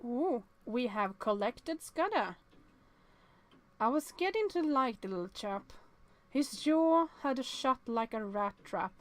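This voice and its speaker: A woman reads a visual novel aloud during her let's-play, speaking slowly in a fairly high voice, reacting with expressive exclamations and occasionally tripping over words.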